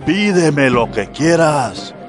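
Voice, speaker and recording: A man's voice: fairly high pitch, big pitch swings, slow, over music. An actor playing a proud, troubled king in a Bible drama, speaking in a grave, regal manner. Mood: grand, generous.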